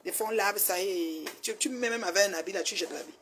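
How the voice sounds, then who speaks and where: Fast-talking woman in her fifties ranting. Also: medium pitch, a little hiss or hum. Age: 50s. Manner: animated, repetitive, scolding. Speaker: online commentator. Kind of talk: casual ranting commentary.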